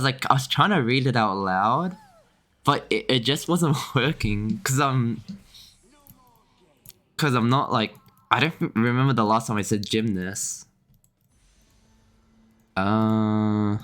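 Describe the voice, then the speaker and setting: A man's voice: medium pitch, animated, a little slow, pauses often, a bit bright. A young man streaming a game, chatting casually and rambling with lots of fillers, restarts and little chuckles. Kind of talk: casual chat while gaming.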